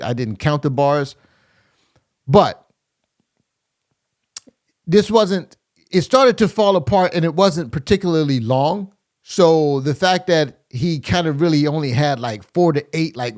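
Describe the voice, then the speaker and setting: Male host, somewhat high voice, loose reaction-video critic who scats beats and stumbles through restarts. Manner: many fillers and restarts, scats rhythms aloud. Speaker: host reviewing rap verses. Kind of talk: casual reaction commentary.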